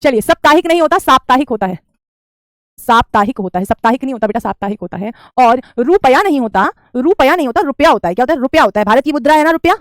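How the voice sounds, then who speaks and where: Woman, 30s, online Hindi teacher; repetitive, patient drilling; slightly high voice, dry sound. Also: expressive, rapid-fire, no room sound. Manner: repetitive drilling, calls students beta. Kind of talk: online class teaching spelling.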